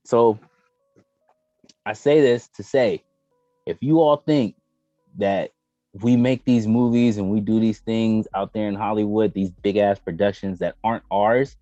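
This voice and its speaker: A fairly low-pitched, mellow male voice, unhurried and given to long pauses, belongs to an American podcast host. He discusses entertainment casually but emphatically, with slang, swearing and plenty of opinions, over faint music in dull, roomy lo-fi audio.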